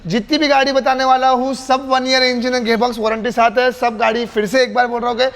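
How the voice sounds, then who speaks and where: An Indian man giving a used car sales pitch in slick salesman patter, reeling off models and repeating punchy price offers. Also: little pitch movement, fast, a bit bright. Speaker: used car dealership owner. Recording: echoey hall with background music.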